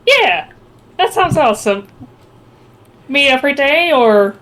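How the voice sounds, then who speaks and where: A woman playing in a tabletop game, relaxed and conversational. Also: high voice, takes it slowly. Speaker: player. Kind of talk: tabletop role-play.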